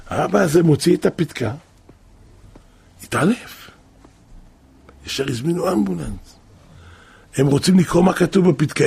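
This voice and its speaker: A man's voice: on the high side, vocal fry, a little mellow, breathy edge. A man telling a story aloud, speaking emotively and growing more intense at the dramatic moments. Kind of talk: spoken storytelling.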